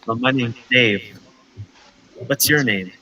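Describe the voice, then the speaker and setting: A man from the teaching a beginner English class over a video call, patient and clear, with a friendly welcoming manner. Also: medium pitch, takes it slowly, pushed and bright, no room sound, low-quality recording. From United States, Minnesota. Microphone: video call headset or webcam mic.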